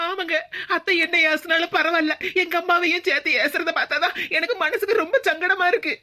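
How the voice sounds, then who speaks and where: Woman voicing a bright-voiced grumbling daughter-in-law. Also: very high voice, a little fast. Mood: complaining. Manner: complaining, indignant. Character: aggrieved young village daughter-in-law. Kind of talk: cartoon voice acting.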